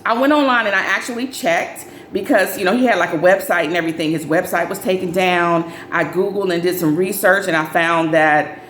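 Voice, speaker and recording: A young adult woman recounts a dating story in a relaxed vlog style, her speaking voice sitting on the low side. She jumps up high whenever she quotes someone. The sound is echoey, with a faint hum of ambience behind her. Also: a little fast, few pauses. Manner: animated, acts out friends' lines in higher voices. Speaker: storyteller vlogger.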